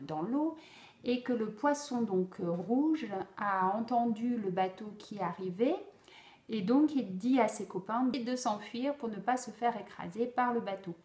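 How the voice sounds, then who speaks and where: A woman explaining how to teach a speech sound to children, slow and deliberate, with frequent pauses and fillers. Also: a little high, a little mellow. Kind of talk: instructional explanation for parents. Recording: echoey room.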